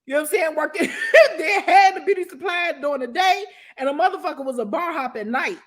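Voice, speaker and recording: Woman, high voice, brash storyteller, swears freely, laughs a lot. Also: brisk. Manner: profane, animated, frequent laughter; keeps asking "you know what I'm saying". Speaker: guest storyteller. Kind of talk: casual storytelling.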